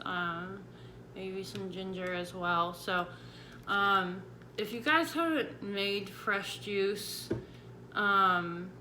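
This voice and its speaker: Bright-voiced woman chatting in a casual vlog. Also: medium pitch. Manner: chatty, informal, explanatory. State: recovering one week after double jaw surgery. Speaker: vlogger sharing surgery recovery tips. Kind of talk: casual vlog talk to viewers. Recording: clear background noise.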